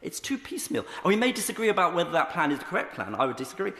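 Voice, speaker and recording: A man's voice: high voice, sing-song, rapid-fire, a bit bright. A male member of parliament making a heated, emphatic debate speech, repeating phrases for force. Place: large indoor parliamentary chamber. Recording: echoey debating chamber with long reverb.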